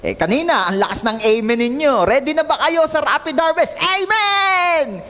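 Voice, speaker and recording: A man's voice: very high voice, a little fast. A male pastor preaching a sermon in church, mixing English into his talk and calling out to the congregation for answers. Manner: lively, calls out to the congregation for responses; mixes English into Filipino. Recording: long hall reverb.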